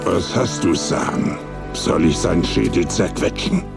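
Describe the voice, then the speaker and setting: An actor playing a huge, brutal but loyal beast with a gravelly growl in a dubbed film. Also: male voice, low voice, animated, a little slow, loud music behind the voice, exaggerated voice. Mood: menacing, protective.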